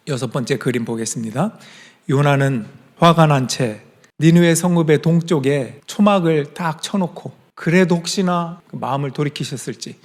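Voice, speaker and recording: A male pastor preaches in a church, telling a story and voicing its characters with bursts of raised emphasis. His voice sits a little high for a man. The sanctuary adds a long, lingering reverb behind every phrase. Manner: storytelling, acting out quoted lines with raised voice. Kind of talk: sermon.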